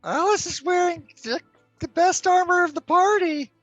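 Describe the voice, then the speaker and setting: A woman playing a tabletop game, casually switching between role-play and narration in a halting, animated way. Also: very high voice, no room sound, lo-fi sound. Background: faint music.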